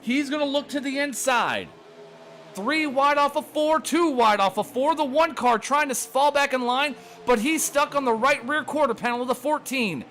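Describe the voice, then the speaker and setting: A man giving fast, excited play-by-play commentary on a sim race, sounding breathless from calling the action. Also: very high-pitched, a little hiss or hum.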